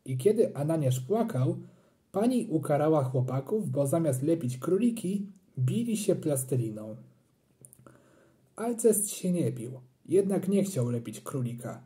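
An audiobook reader telling a children's story with animated, playful expression. The voice is dark and mellow, and the pitch rises and falls freely. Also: measured pace.

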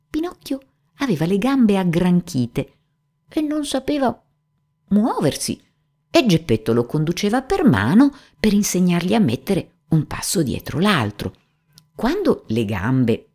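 A woman reading a classic children's story aloud in an expressive, dramatic storytelling manner. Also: low voice. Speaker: narrator.

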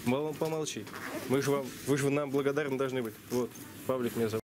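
A man's voice: mid-range voice, steady tone, fast. A man acting as a citizen activist, talking confrontationally on camera in a sarcastic, taunting manner. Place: indoors, supermarket. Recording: noisy supermarket room, handheld camera.

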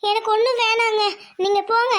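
A woman's voice: very high-pitched, little pitch movement, normal speed, fairly bright tone. A woman voicing a proud, stubborn village wife in a cartoon who is sick with fever and refuses help. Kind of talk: cartoon voice acting.

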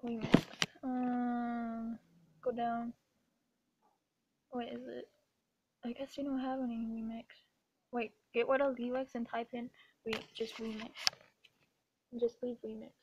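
Talking slowly with frequent pauses, a teen girl vlogger in a school hallway chats casually with a friend, bossy and giggly and sometimes whispering. Her voice is a little high and darkish, with a level tone. A close laptop webcam captures it as dull lo-fi audio with clear background noise.

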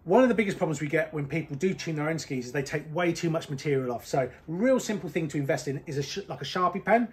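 A middle-aged British man with a slightly raised voice walks through workshop repairs in a practical, easygoing way, pausing with fillers as he works. He is recorded on a nearby camera mic in a small indoor workshop. A faint hiss of noise sits under his voice. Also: fairly high pitch. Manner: practical, explanatory, relaxed with fillers. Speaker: ski technician. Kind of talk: hands-on workshop demonstration.

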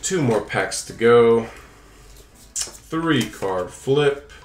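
A young man with a mid-range voice and lively intonation hosts a card-opening video from a small room at home, speaking extremely slowly. He chats casually and playfully with viewers and his pet while commenting on the trading cards he opens. The room is echoey, with faint music in the background.

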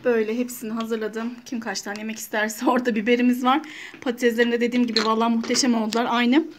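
A woman's voice: a little high, flat delivery, quick pace, background noise. A woman in her thirties chatting casually and homely to her viewers in a home vlog, full of fillers. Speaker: vlogger. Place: at home, kitchen then living room.

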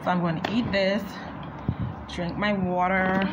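A woman's voice: mid-range voice, little pitch movement, measured pace, dull audio. A young woman chatting casually to her phone camera in a vlog, talking straight to viewers with plenty of fillers. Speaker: vlogger. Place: small room indoors, then a church lobby. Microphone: phone camera at arm's length. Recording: loud background noise on phone mic.

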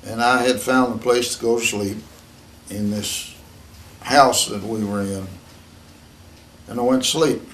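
In an unscripted interview, an aged American veteran remembers the war, speaking plainly and matter-of-factly with frequent halts. His mid-range voice is steady and a bit bright. A little hiss or hum is audible.

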